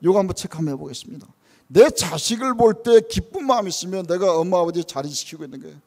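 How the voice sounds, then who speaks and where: A man with a notably high voice delivers an earnest sermon as a church elder. He drives his points home with strings of rhetorical questions and plays out what parents say to their children. His voice rings with the long reverb of a church hall. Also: lively intonation, fast talker, darkish tone. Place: church sanctuary.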